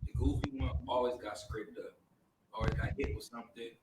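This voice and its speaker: A man's voice: mid-range voice, steady tone, brisk. A man chiming in during a casual chat, making his point emphatically and insistently. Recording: roomy, far from the mic, loud noise and clicks.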